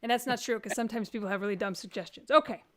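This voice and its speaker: A woman with a Texan accent hosts a live stream, chatting casually and cracking jokes in rambling asides. Her voice is fairly high, and she talks very fast.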